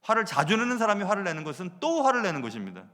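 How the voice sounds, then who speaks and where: A man preaching a sermon as pastor, animated, moving between loud emphasis and hushed asides. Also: high-pitched, very fast. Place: church sanctuary. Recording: long reverb of a church hall.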